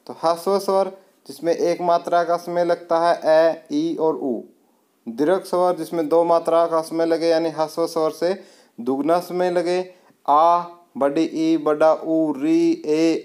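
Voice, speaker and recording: Guy teaching grammar for an exam, talks real slow, stretches out sounds, keeps asking if it's clear. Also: fairly high pitch, darkish tone. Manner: slow, drawn-out vowel examples, checks in with "clear?". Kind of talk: exam-prep grammar lesson.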